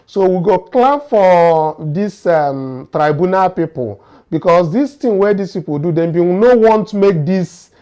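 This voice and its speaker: A man's voice: fairly high pitch, dark tone. A man with a Nigerian accent hosting informal political commentary in Nigerian Pidgin, explaining things to his viewers. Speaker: host of a political commentary show. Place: studio.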